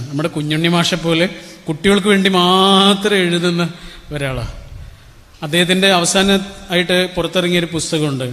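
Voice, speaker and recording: A man's voice: sits high, fairly bright tone, in a large hall. A middle-aged man with a Malayali accent giving a motivational speech, telling stories and asking rhetorical questions. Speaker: public speaker.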